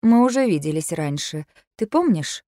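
A woman voicing a calm, patient female psychiatrist who speaks in measured phrases. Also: lowish voice, dry recording, clean studio sound.

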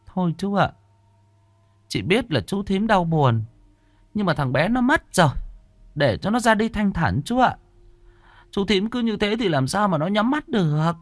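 A man voicing an older female relative who pleads softly and soothingly. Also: sits high, sing-song, unhurried, long pauses, dry recording, voice pushed up. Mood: coaxing. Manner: soft coaxing pleading.

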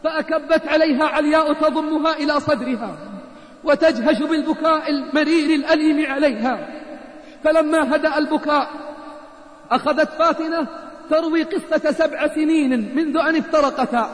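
A man's voice: very high voice, fairly even intonation, normal speed. A man preaching a sermon and telling a moral story dramatically, repeating key phrases for emphasis. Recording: reverberant hall.

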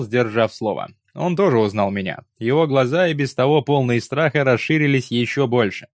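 A man narrating a first-person fantasy audiobook in a measured, steady storytelling manner. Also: medium pitch, dry recording, clean studio sound.

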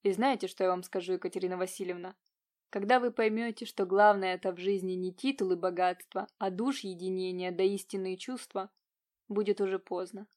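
Brooding young peasant guy in a storybook, hushed and intense, bitter, read by a woman. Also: medium pitch, fairly even intonation, a little fast, close to an everyday voice. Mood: scornful.

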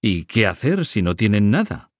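A man's voice: lowish voice, very animated, normal speed, no room sound. A man voicing a young nephew who sounds hesitant and mildly reproachful. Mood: reluctant. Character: young male nephew, reluctant and dutiful.

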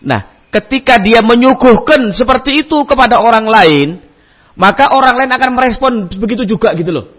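A man's voice: extremely high pitch, normal speed. A man teaching a religious study lecture, quoting Arabic texts and explaining them in a chatty way with fillers. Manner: animated storytelling with acted-out voices; frequent conversational fillers like "naam" and "gitu loh".

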